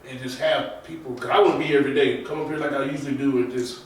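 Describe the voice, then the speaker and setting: A man's voice: mid-range voice, fairly even intonation, rapid-fire, slight background noise. Man in his thirties, casual podcast host, earnest, filler likes, echoey room, far from mic. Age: 30s. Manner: earnest, loose, lots of "like". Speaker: podcast host and channel owner. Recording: roomy echo, mic at a distance.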